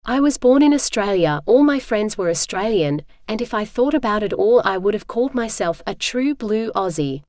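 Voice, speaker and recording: A woman's voice: mid-range voice, moderate pace, hardly any pauses, no echo, clean studio sound. Synthetic woman narrating an audiobook. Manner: even, steady text-to-speech reading. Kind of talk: scripted first-person narration.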